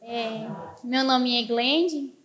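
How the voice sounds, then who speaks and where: A woman's voice: on the high side, fairly bright tone, slight background noise. A Venezuelan woman in her twenties, speaking Portuguese with a Venezuelan Spanish accent, briefly introducing herself. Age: 20s. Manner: slow, brief self-introduction.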